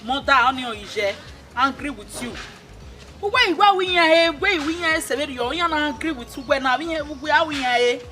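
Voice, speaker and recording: A woman's voice: high voice, animated, normal speed, bright, forceful tone, soft background music. An actress playing a stern traditional older woman with an Edo Nigerian accent, mixing pidgin and local words and repeating herself insistently. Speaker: elder advising a young wife. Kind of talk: Nollywood film acting.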